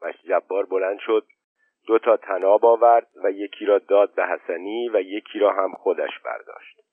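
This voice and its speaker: A man reading an audiobook story in even, measured narration. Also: low voice, breathy edge, no room sound. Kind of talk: scripted narration. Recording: thin phone-like sound, dry.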